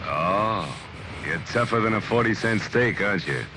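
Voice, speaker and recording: A man's voice: lowish voice, animated, normal speed, background noise, close to an everyday voice. A man voicing a menacing, taunting male thug in a radio-drama style, with a mocking, threatening drawl. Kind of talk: noir radio drama acting.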